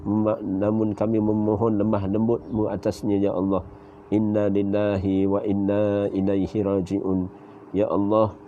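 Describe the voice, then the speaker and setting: A Malaysian man with a Malaysian Malay accent leading the closing supplication of a sermon, reciting prayers in a steady chanting flow. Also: on the low side. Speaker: religious teacher leading prayer. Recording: muffled lo-fi audio with faint hiss.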